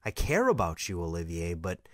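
A man's voice: low-pitched, huge pitch swings, moderate pace, no room sound, studio quality, voice pushed down, full character voice. A man voicing a hurt girlfriend who hesitantly confesses she feels neglected. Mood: hurt, candid. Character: woman, girlfriend, hurt and candid.

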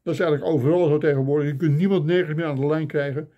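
Rapid-fire and steady in tone, the older vlogger's high-leaning voice comes through with lo-fi sound from his phone camera. He grumbles his way through a mock-indignant comic monologue.

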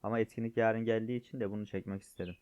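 Sick guy with a low voice chatting about a mobile game, dry lo-fi recording. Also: level tone, racing, darkish tone. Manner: chatty, addresses viewers as friends. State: sick, voice strained. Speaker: gaming YouTuber. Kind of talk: casual gameplay commentary. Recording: dull, lo-fi dry sound.

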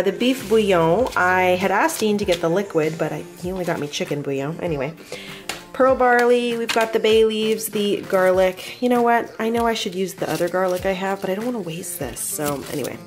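A woman in her thirties talking casually and playfully to the camera while cooking dinner in her home kitchen. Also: lowish voice. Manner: chatty, upbeat and playful, slangy asides. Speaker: lifestyle vlogger. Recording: roomy kitchen with faint music.

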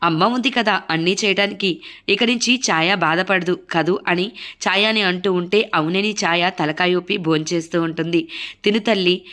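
A woman narrating a TV serial recap and reading every character's dialogue herself in a steady storytelling manner. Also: fairly low pitch, moderate pace. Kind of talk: retelling a TV serial with voiced dialogue.

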